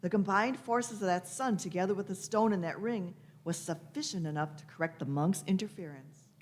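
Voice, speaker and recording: Eccentric old female genius, acted by a woman, mid-pitched, imperious, fussy, theatrical, for radio drama. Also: moderate pace, a little mellow, close to an everyday voice. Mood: brisk, explanatory. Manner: fussy, theatrical, repeats phrases. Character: imperious, eccentric elderly time-travelling genius, female Doctor. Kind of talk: live staged radio play.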